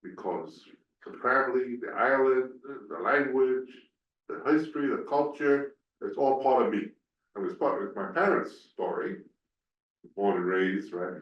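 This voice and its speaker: Older man speaking in a roomy hall. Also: fairly low pitch. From New York. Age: 60s. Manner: reflective, hesitant, with many fillers. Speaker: panelist, teacher. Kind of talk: panel discussion. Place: panel event in a hall. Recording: roomy, distant and dull.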